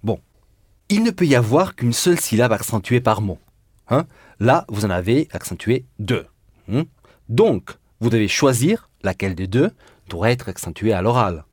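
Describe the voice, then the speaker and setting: A man with a mid-range, sing-song voice teaches a Spanish lesson in French, patiently drilling verb conjugation endings and repeating students' answers. He speaks at a moderate pace in a clean studio recording with no room sound.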